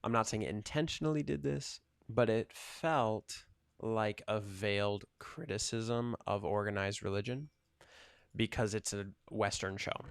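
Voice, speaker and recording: A man's voice: lowish voice, unhurried, vocal fry, clear, resonant tone, no room sound. A man in his twenties rambling casually while playing a video game, thinking aloud with lots of fillers. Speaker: gaming channel host.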